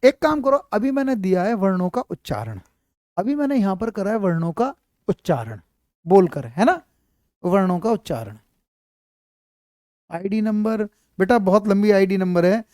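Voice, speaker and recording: Teaching a live online Hindi class at a board, a man walks students through letters and sounds, repeating points and often asking if they follow, fondly calling each child. His voice is dark and mellow yet high-pitched and sing-song, at a moderate pace with frequent pauses, recorded close and dry with no room sound.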